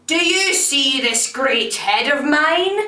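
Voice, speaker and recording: A boastful giant spirit looms out of the floor of a storybook abbey, voiced by a woman reader. It asks its questions slowly and loudly, heard through an echoey room from well back from the mic. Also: high-pitched, lively intonation, pitched above the performer's own voice, heavily acted. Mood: menacing. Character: fearsome giant haunting creature rising from floor. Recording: roomy, distant mic.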